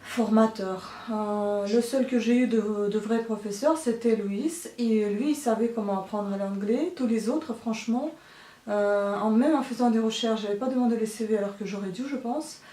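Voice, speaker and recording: A woman's voice: a little high, moderate pace, warm tone, far from the mic. A woman vlogger talking in a casual, hesitant monologue, full of filler sounds and frustrated complaints. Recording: roomy sound, voice from the mic.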